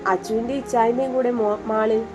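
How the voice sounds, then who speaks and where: A woman's voice: fairly high pitch, steady tone, fairly quick, music in the background, natural voice. A woman voicing a shy but cheeky young wife who talks in a playful, flustered way in a storybook reading.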